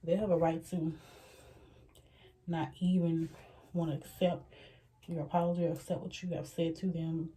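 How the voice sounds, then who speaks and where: A young woman talking to camera in an earnest, halting, self-reflective way, a little out of breath. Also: lowish voice, little pitch movement, warm tone. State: slightly out of breath. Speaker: vlogger. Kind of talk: casual reflective talk to camera.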